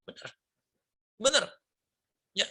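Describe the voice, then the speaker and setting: Bright-voiced chatty male pastor. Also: slow. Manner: chatty, peppers speech with tag questions and English words. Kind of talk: conversational sermon.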